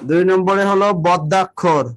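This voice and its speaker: A male teacher giving a live online exam-prep class, repeating definitions slowly so students can write them down and urging them to hurry. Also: high voice, steady tone. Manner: talks to viewers directly, greeting them by name and district.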